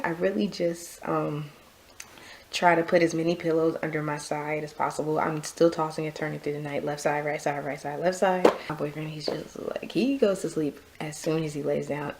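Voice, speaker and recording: Chatty low-voiced pregnant woman, slightly breathless. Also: creaky, slight background noise. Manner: chatty, repeats herself, laughs often. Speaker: vlogger. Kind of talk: casual pregnancy update vlog.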